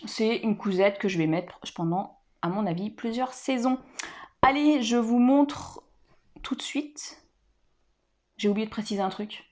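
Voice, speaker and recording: Woman, high voice, casual sewing vlog, talkative, filler-heavy. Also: a little slow, darkish tone. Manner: chatty, with lots of fillers and asides. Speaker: sewing vlogger. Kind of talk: casual chat.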